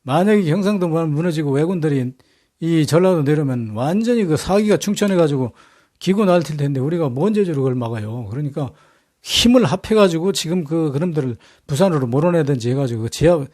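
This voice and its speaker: A man's voice: on the high side, animated, a little fast, a little mellow, lightly acted. A man playing a fierce, blunt Joseon general who urges his commander to fight and then curses in frustration. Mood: pleading. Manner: urgent pleading, then coarse cursing.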